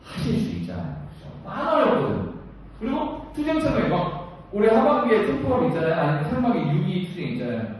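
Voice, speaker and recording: A woman giving a training lecture to union branch leaders, lively, often asking the audience questions and acting out quotes. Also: mid-range voice, quick pace. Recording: echoey hall, distant mic, dull sound, faint noise.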